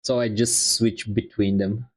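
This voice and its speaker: A man's voice: lowish voice, little pitch movement, measured pace, poor audio. A man streaming while he paints, chatting casually and rambling in a self-deprecating way on a wireless lapel mic. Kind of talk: casual chat on a live stream. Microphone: wireless lapel microphone.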